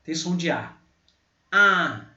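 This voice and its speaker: A male teacher gives an unhurried pronunciation lesson at a slow, deliberate pace. He repeats each example word louder and clearer than the talk around it. The sound is dull and roomy, as if picked up from some distance. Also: medium pitch, expressive. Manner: repeats example words slowly and loudly. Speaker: English teacher. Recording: echoey, distant, dull mic.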